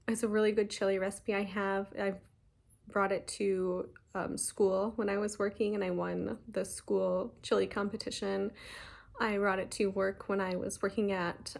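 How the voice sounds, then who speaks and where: A woman, chatting casually in a stitching vlog, talking fast and rambling with many ums and restarts. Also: mid-range voice, steady tone, vocal fry. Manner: talks fast. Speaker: flosstube host.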